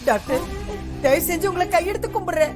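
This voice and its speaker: A woman's voice: very high voice, fast talker, over music. An actress playing a desperate middle-aged mother, crying and pleading with a doctor. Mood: tearful pleading. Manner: wailing, pleading. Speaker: mother of a sick man's daughter, pleading.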